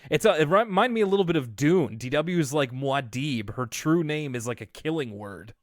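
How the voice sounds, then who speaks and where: A man's voice: on the high side, lively intonation, moderate pace, no echo. Dry-voiced wry male podcast co-host. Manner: chatty, wry, with many fillers. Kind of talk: casual chat.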